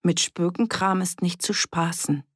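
A woman voicing a sharp-tongued young woman accused of being a witch, defiant and cutting, in an audiobook. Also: fairly low pitch, steady tone, a little slow, husky, no echo, clean studio sound. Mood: mocking.

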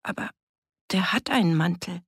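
A woman's voice: lowish voice, lively intonation, moderate pace, creaky, fairly bright tone, breathy edge, dry recording, clean studio sound, exaggerated voice. A woman reading an audiobook, voicing a frightened young girl who stammers and pleads. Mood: pleading.

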